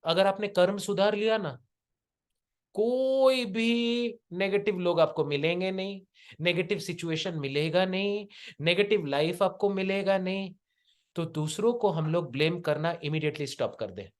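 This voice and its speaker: Unhurried and high-voiced, the man has an Indian accent and is coaching a group through a spiritual lecture. His style is instructive and questioning, with rhetorical questions and switches between English and Hindi.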